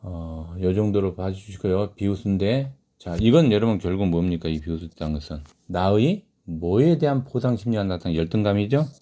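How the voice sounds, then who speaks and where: A man's voice: deep voice, normal speed, few pauses, mellow. Man teaching a literature class. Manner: asks the class questions and answers them himself; reads quoted lines aloud in a raised voice. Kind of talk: classroom lecture on a short story.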